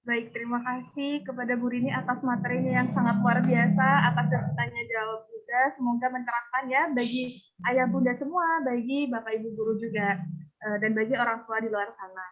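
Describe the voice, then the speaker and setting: Woman moderator, polite formal closing, fairly high voice, muffled call audio. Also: flat delivery, brisk, fairly bright tone. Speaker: webinar moderator.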